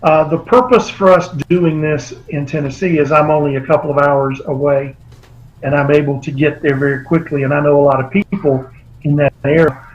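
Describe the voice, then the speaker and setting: Brief: male author guest, rambling storyteller, slightly high voice, dull lo-fi video-call sound. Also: steady tone, a little fast. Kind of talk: remote interview.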